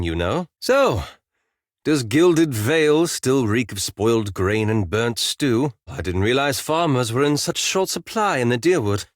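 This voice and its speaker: In a dry recording, a man of medium pitch voices a fantasy game's fussy, scholarly elf wizard, speaking with careful formality and a streak of deadpan sarcasm.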